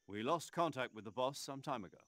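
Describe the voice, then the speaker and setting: Actor as a commanding major with lively intonation. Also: male voice, mid-range voice, dry recording, lightly acted. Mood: brisk, businesslike. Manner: brisk, authoritative. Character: commanding male military major directing a mission. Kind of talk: video game radio briefing acting.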